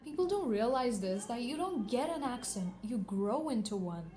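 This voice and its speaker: A woman's voice: fairly high pitch, sing-song, moderate pace, mellow. A woman vlogger talking earnestly and conversationally to the camera, encouraging her viewers. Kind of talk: reflective monologue to camera. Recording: echoey room with faint background noise.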